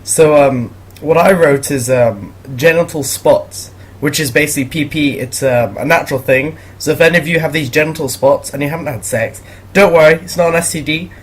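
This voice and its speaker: A man's voice: a little high, normal speed, breathy edge. A teenage boy telling awkward school stories in a casual, rambling way, laughing as he goes. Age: teens. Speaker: vlogger. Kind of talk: casual storytelling commentary.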